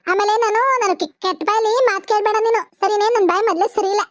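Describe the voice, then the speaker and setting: A woman's voice: very high voice, steady tone, racing, no room sound. A woman voicing a quarrelsome, foul-mouthed village mother in a cartoon. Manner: abusive, quarrelsome. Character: sharp-tongued older village mother. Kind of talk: cartoon voice acting.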